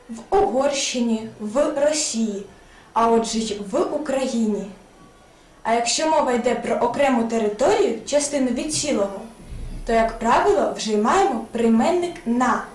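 Woman, brisk explanatory school recitation, distant mic, faint hiss. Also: a little high, darkish tone, reverberant. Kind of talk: scripted recitation at a school event. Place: school hall.

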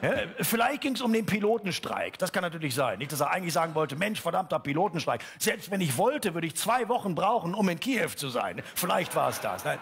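A man's voice: a little high, very animated, a little fast, few pauses, husky, heavily acted. An actor playing a desperate male gag writer, delivering an ironic satirical rant and singing a mock prayer song. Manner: earnest ranting, ironic, sings mock prayer. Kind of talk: satirical stage monologue and comic song. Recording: loud instrumental backing music.

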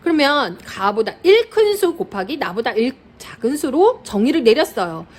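A high-pitched, lively middle-aged woman lectures parents like a tutor, her voice swooping up and down as she presses her points. She laughs often between lines. The recording sounds echoey and a little distant, with faint noise underneath. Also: moderate pace. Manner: animated, emphatic, laughs often. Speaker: math tutor coaching parents.

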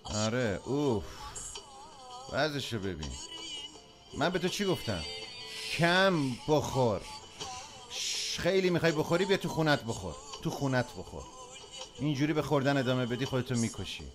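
A man dubbing a volatile drunk husband who snarls threats, swinging between shouting and low muttering, in a dubbed film. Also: lively intonation, over music, close to an everyday voice. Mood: mocking. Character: volatile drunk man, Yusuf, bullying his wife. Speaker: dub actor.

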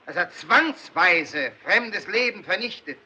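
A cold underworld accuser, high-set, sharp and forceful, rising to shouts. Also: male voice, lively intonation, takes it slowly, a little hiss or hum, exaggerated voice, low-quality recording. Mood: condemning. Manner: cold, condemning, building to shouts. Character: ruthless male underworld boss acting as accuser. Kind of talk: 1930s film acting.

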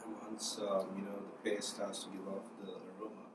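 A young man calmly explaining a recipe, listing ingredients with many ums and uhs. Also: deep voice, normal speed. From Sri Lanka. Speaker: cook showing a recipe. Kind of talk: casual cooking demonstration. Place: small indoor room, student kitchen. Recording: echoey room, mic far off, noisy.

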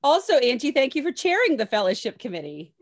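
A woman's voice: sits high, big pitch swings, quick pace. A young woman hosting a video call conversation in an encouraging, playful way. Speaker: host.

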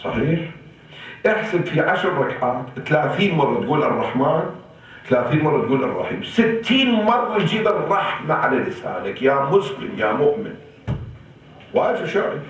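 Impassioned preacher, Iraqi Arabic, echoey hall. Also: male voice, a little high, lively intonation, fast, distant mic. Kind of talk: sermon. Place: large hall of an Islamic center.

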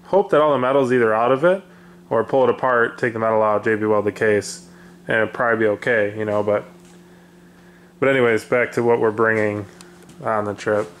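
A man casually chatting about his off-road gear, relaxed and rambling with lots of fillers. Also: on the low side, brisk. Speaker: off-road video host. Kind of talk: casual garage chat. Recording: echoey room with faint noise.

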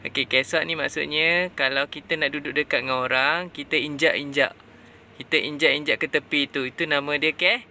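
A man's voice: a little high, steady tone, a little fast, pushed and bright. A Malaysian man, a father running a casual quiz for his children, prompting and explaining words simply inside a car. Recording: faint noise in a car.

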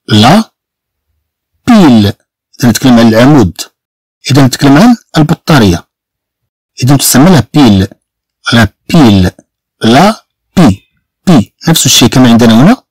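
Moroccan man drilling pronunciation, lively pitch. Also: no echo. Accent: Moroccan Arabic. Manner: slow, repeats each word several times to drill pronunciation. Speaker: French teacher. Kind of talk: beginner language lesson.

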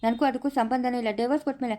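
A defensive young husband, played by a woman in a homemade family drama. The explanations pour out at a very fast clip in a fairly high voice, pleading and reassuring. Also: steady tone, mellow, close to an everyday voice. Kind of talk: amateur family drama acting.

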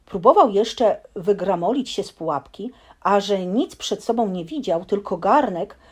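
A woman reading a bedtime story aloud in a lively, expressive storytelling manner. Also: mid-range voice, unhurried, breathy edge.

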